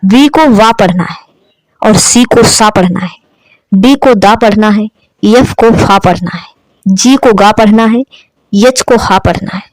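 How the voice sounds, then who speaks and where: A woman's voice: mid-range voice, slow, no echo, low-quality recording. A woman from India giving an online English lesson as teacher, drilling sounds with repeated questions and answers.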